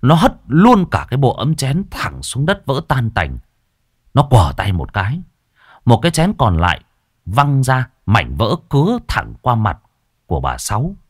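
A man narrating a dark story in a vivid, emphatic storytelling style. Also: medium pitch, wildly swooping pitch, a little slow, husky, no echo, clean studio sound. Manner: vivid, emphatic, rising with the action. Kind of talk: dramatic horror-story narration.

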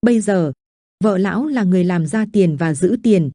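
A woman reads a story aloud in a steady, even way. Her voice is dark and mellow, and the recording is dry and close with no room sound. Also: lowish voice, normal speed, no room sound. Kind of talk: scripted story narration.

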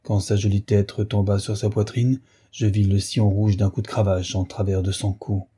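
A man giving a grave, measured narration of a novel as an audiobook. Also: on the low side, level tone, dark tone, breathy edge. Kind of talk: scripted narration.

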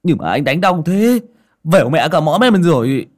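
A man's voice: a little high, big pitch swings, normal speed, pitched above the performer's own voice. Audiobook figure: a man playing a panicky, stammering villager, raised and wailing. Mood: complaining. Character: frightened middle-aged village man.

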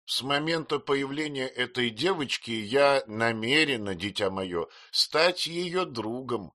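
A man's voice: mid-range voice, expressive, slow pace, bright, forceful tone, no room sound, clean studio sound, pitched above the performer's own voice. A man voicing a stern, commanding elderly aunt who speaks sharply and impatiently.

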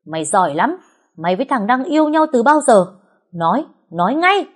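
A woman voicing a furious, domineering older father who shouts harsh commands. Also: mid-range voice, sing-song, normal speed. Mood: roaring.

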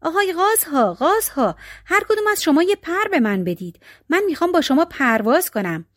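A woman doing a high, pleading storybook boy. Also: very animated, no room sound, studio quality. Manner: calling out loudly.

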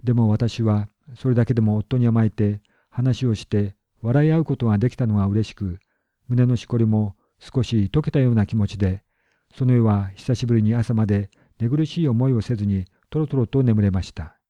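A man narrating a literary story as an audiobook, reading calmly and evenly and lightly voicing the wife and husband. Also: lowish voice, moderate pace, dry recording, lo-fi sound.

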